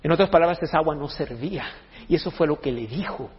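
A man's voice: fairly high pitch, expressive, quick pace, slight background noise. A man preaching a sermon in a jokey, conversational way, often restarting his sentences. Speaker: pastor. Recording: long hall echo, dull lo-fi sound.

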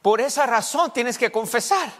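A man's voice: very high voice, expressive, moderate pace, fairly bright tone. A male pastor preaching a folksy, conversational sermon, repeating words and quizzing the congregation. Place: church hall. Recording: long church hall reverb.

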